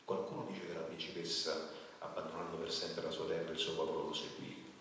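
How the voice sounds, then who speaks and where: A man's voice: rumbling low, level tone, brisk, a bit bright, slight background noise. A man reading a fairy tale aloud to an audience, in a dialect-flavored storytelling manner. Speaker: author. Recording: echoey hall, voice from far.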